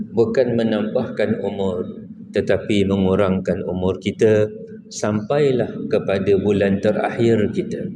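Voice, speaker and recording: A man in his fifties with a Malaysian Malay accent delivers a mosque lecture in a somewhat low voice. He speaks in measured phrases and keeps turning rhetorical questions back to his listeners. The recording carries a clear layer of hall ambience beneath him. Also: background noise. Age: 50s. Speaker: preacher.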